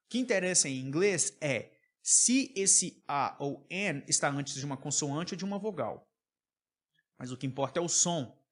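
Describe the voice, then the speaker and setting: A man's voice: mid-range voice, a bit bright. A man with a Brazilian accent teaching English through song lyrics, explaining words step by step and checking in with short questions. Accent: Brazilian Portuguese. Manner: patient, checks in often with tag questions.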